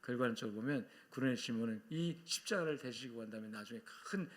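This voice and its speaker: A man's voice: mid-range voice, fast. A male pastor preaching a Sunday sermon with strong emphasis, acting out quoted voices and asking the congregation to repeat after him.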